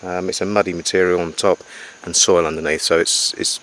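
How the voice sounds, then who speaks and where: Low-voiced man vlogging outdoors in the jungle. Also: level tone, a little fast, fairly bright tone. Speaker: survival diarist presenting to camera. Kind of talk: outdoor vlog, casual explaining to camera. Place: outdoors in jungle beside a river. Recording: faint insect noise, outdoor jungle ambience. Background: jungle ambience with crickets and insects.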